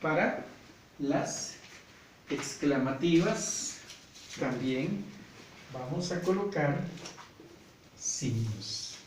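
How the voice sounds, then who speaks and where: A man with a Guatemalan Spanish accent teaching a grammar lesson slowly and patiently, often checking in with "¿verdad?". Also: fairly high pitch, animated. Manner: patient, repeats points, often asks "¿verdad?". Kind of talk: slow classroom grammar lesson. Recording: echoey room, voice from far off, faint noise.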